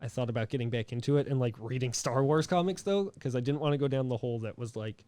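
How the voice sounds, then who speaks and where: A man's voice: mid-range voice, fast, warm tone, clear, resonant tone, no echo. A young man co-hosting a podcast in casual chat, rambling with lots of fillers and restarts. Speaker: podcast co-host.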